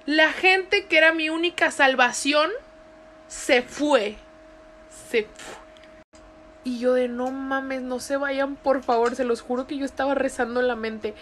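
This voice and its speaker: A young adult woman, telling a storytime in a lively, slangy way and swearing freely. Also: high-pitched, a little hiss or hum. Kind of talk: casual storytime narration.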